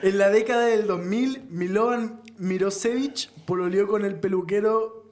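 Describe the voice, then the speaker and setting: A young Chilean man co-hosting a livestream, talking loudly, shouting and laughing a lot. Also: sits high, normal speed. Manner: shouting and laughing, loud and excitable. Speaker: podcast co-host. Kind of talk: rowdy casual chat on a livestream.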